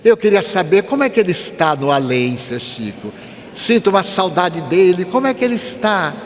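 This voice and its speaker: A man's voice: sits high, expressive, normal speed, slight background noise. A man voicing a grieving widow who pleads earnestly, in a reverberant hall. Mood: pleading. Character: grieving widow, middle-aged woman, earnest. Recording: reverberant hall, faint ambience.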